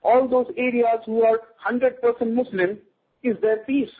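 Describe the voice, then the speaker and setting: A man's voice: extremely high pitch, steady tone, a little slow, slightly rough. A man speaking as a guest on a radio show, lecturing emphatically. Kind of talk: radio interview. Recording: tinny phone line.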